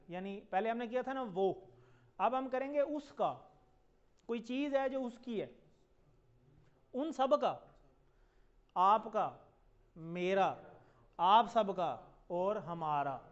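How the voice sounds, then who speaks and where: A man teaching a classroom lesson, patiently repeating words slowly for his students to echo back. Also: very high voice, muffled recording. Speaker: Arabic teacher.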